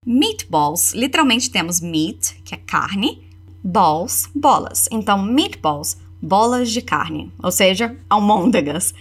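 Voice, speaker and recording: Brazilian woman English teacher, lively pitch, slow model phrases, quick explanations. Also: slightly rough. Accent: Brazilian Portuguese. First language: Portuguese. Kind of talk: language lesson with repeat-after-me drills.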